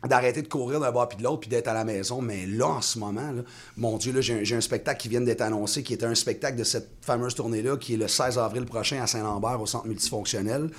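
A man's voice: medium pitch, fast. Casting note: Québécois man, late thirties, touring singer, loose rambling interview talk full of fillers and laughter. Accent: Québécois French. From Quebec. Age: 30s. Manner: rambling, many restarts and fillers, laughs easily. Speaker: touring singer-songwriter guest. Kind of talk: casual radio interview.

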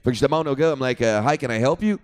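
A man's voice: mid-range voice, fast talker, smooth. A man comedian with a Quebec French accent telling a story in a casual talk, switching into English and swearing freely.

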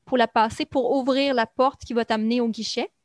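A young woman talks in an easy, chatty way, stopping often on small fillers as she explains. Her voice sits a little high. The sound is close and dry, with no room around it. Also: steady tone, a little fast, no room sound. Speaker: guest recounting life in Brazil. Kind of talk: casual conversation.

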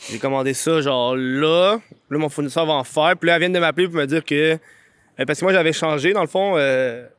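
Slangy young Quebec man, fairly high voice. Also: a bit bright, clear, resonant tone, no echo. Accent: Quebec French. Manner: slangy, laughing, quick storytelling. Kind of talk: casual podcast chat.

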